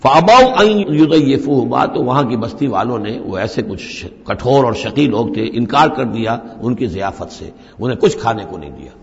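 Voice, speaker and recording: Male scripture teacher, commentary lecture, slow verse recitation then explanation, gravelly voice, long hall reverb. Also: lowish voice, animated. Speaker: religious teacher. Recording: dull lo-fi recording in a reverberant hall.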